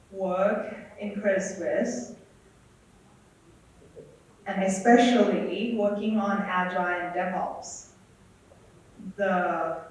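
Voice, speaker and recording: A man from Thailand answering interview questions, hesitant, often repeating words and adding fillers. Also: high-pitched. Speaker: guest speaker. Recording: echoey hall, speaker far from mic.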